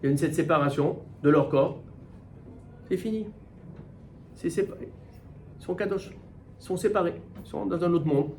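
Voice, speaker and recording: A middle-aged man, a rabbi, giving a Torah class in with mixed in, animated and full of rhetorical questions. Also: on the high side, moderate pace, long pauses, slight background noise. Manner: animated, rhetorical questions, repeats words while searching. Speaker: rabbi teaching the weekly portion. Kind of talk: Torah class, spoken teaching.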